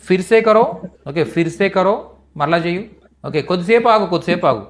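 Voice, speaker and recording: A man's voice: high voice, expressive, brisk. A man teaching in a live online language class, repeating each phrase patiently for students. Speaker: Hindi teacher.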